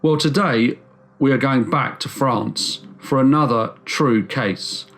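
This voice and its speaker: A man hosting a true crime channel, telling a case as a measured scripted narration with slow emphatic stresses. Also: mid-range voice, a bit bright.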